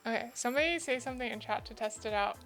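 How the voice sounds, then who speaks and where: A woman livestreams herself drawing fan art from an indoor streaming setup, chatting in a cute, flustered anime-streamer style. She thinks aloud, mutters to herself, and keeps interrupting her own scattered thoughts. Her fairly high, fairly bright voice goes very fast, with faint music in the background.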